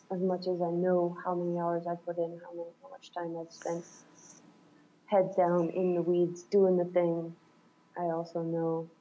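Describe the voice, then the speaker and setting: A woman's voice: fairly low pitch, dark tone, muffled recording, a little hiss or hum. A woman on a reflective coaching call, talking thoughtfully and searching for words, laughing often. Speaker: coaching client.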